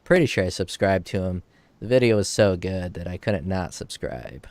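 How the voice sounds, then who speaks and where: Deep-voiced profane streamer. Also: male voice, lively intonation, normal speed, darkish tone. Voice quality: profane, enthusiastic. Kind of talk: casual reaction commentary.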